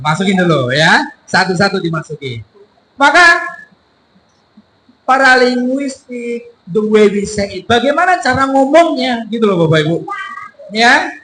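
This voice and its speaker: A man giving an energetic motivational business talk to a hall audience, often asking them rhetorical questions. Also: extremely high pitch, a little hiss or hum. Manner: energetic, addresses audience as Bapak Ibu, asks rhetorical questions. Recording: echoey hall with faint ambience.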